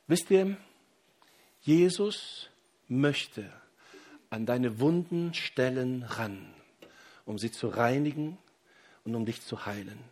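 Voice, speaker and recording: A middle-aged man, a pastor, preaching a sermon with rising emphasis and pauses, addressing the congregation directly. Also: mid-range voice, lively intonation, darkish tone.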